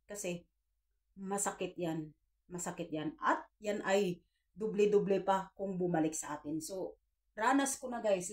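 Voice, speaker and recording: A woman in her fifties giving earnest, preachy life advice to her viewers in a casual vlog, often calling them "guys". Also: mid-range voice. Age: 50s. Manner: earnest, preachy, addresses viewers as guys, acts out quoted dialogue.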